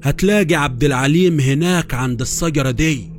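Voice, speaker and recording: A man's voice: fairly high pitch, a little fast, lightly acted. A kindly old villager with an Upper Egyptian accent, voiced by a man. He speaks in a raised, earnest voice, hearty and touched with sorrow, over faint background music in a horror audio story. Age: older.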